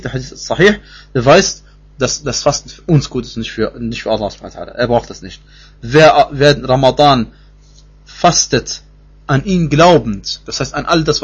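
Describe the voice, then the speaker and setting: A man giving a spoken lesson in Quran commentary, repeating himself with many fillers and restarts, and slowing into chant-like Arabic phrases. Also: mid-range voice, breathy edge. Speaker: Quran teacher. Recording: dull lo-fi recording.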